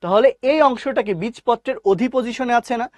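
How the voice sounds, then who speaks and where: A man teaching a live online biology class, repeating key terms slowly and quizzing his listeners. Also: very high voice, no room sound, studio quality.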